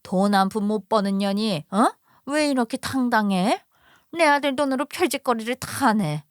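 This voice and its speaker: A woman's voice: a little high, lively intonation, moderate pace, no echo, clean studio sound, natural voice. A woman voicing a spiteful, greedy older mother-in-law who scolds and sneers in a story radio drama. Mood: contemptuous. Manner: scornful, scolding, contemptuous.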